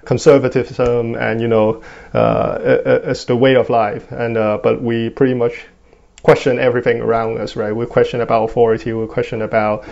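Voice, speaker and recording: A man's voice: mid-range voice, flat delivery, moderate pace, vocal fry, darkish tone, muffled recording. A man in his twenties with a Hong Kong accent, giving thoughtful interview answers with many fillers and "right?" tags. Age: 20s. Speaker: guest.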